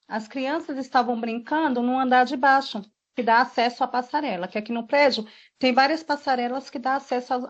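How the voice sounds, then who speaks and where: Woman, witness statement, emotional, high-pitched, muffled recording. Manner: emotional, rushed retelling with quoted dialogue. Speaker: witness giving testimony. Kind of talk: recounting events in a formal statement. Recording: dull lo-fi recording.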